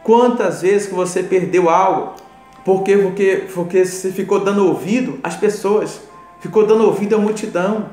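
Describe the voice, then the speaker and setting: A man's voice: sits high, moderate pace, darkish tone. A man preaching a sermon, emphatic and repetitive, speaking straight to the listener. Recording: roomy echo with faint music.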